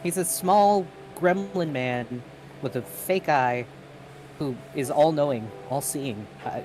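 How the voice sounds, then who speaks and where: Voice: medium pitch, slow. A person in their late twenties hosting a crafting stream, chatting playfully and teasing their partner. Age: 20s. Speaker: streamer host. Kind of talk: casual chat while crafting. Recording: music playing underneath.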